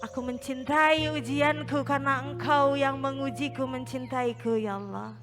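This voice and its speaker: A woman leading an emotional guided prayer as a religious teacher, pleading and swelling loud, then dropping to a hushed, slow coaxing. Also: high-pitched, fairly even intonation, music in the background.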